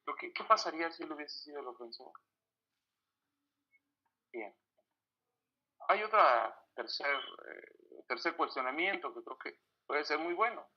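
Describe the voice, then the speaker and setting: A husky-voiced man delivers an earnest sermon on forgiveness, putting rhetorical questions to his listeners. His voice sits a little high for a man, and the recording has a dull, lo-fi quality. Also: lively intonation, a little slow, pauses often. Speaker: preacher and biblical counselor.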